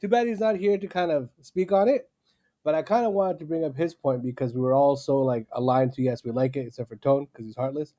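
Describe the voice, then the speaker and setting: A man co-hosting a casual podcast chat, animated, laughing often and acting out his reactions. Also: medium pitch, a little fast. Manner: animated, laughs often, acts out yelling at the screen. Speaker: podcast co-host.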